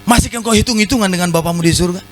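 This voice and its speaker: Man, Batak accent, pastor preaching, animated, playful, fairly high voice, faint hum. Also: racing, poor audio. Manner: animated, playful asides to the congregation. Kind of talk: sermon. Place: large church hall.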